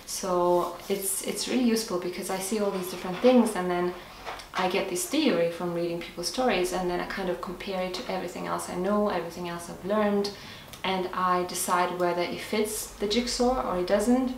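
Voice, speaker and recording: In a casual Q&A vlog, a woman with a fairly low voice explains health topics step by step at normal speed, her tone steady. She thinks out loud with minor restarts, and the distant mic picks her up a little way off in a reverberant room with faint background hiss.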